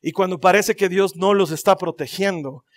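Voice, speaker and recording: A man with a fairly high voice preaching in a church. He tells the story with lively, dramatic flair and joking asides. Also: normal speed. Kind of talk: sermon.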